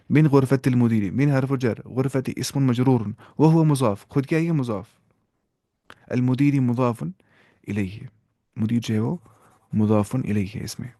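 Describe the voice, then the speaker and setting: A man teaching an Arabic grammar lesson, drilling phrases slowly, repeating them and asking the listener questions. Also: medium pitch, a little mellow, no room sound, studio quality. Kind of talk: grammar lesson, mixing Urdu, Arabic and English.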